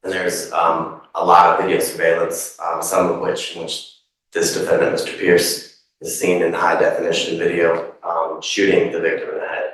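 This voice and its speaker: A man speaking as a prosecuting attorney, giving a factual report in a halting way. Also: sits low, completely flat delivery, fairly bright tone. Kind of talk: brief factual courtroom report. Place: courtroom. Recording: very echoey, far from microphone.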